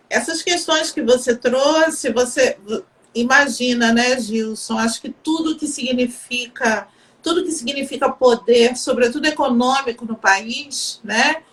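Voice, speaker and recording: Slow, bright-voiced Brazilian woman professor. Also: a little high, distant mic, rough recording. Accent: Brazilian Portuguese. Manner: measured, academic, frequent "né?". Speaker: guest professor. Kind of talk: live-stream discussion.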